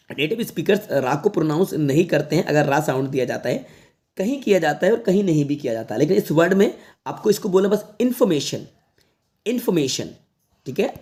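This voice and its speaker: A man leads an online lesson aimed at students. He reads each word slowly and repeats it several times. He keeps reassuring the viewers, who he calls children. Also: on the high side, a little mellow. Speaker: English teacher.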